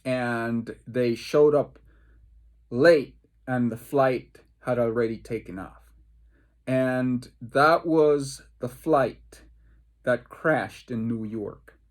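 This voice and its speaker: A man from the Caribbean with a medium-pitched voice pastors a devotional Bible study. His personal stories come out emphatically, punctuated by repeated phrases and deliberate pauses.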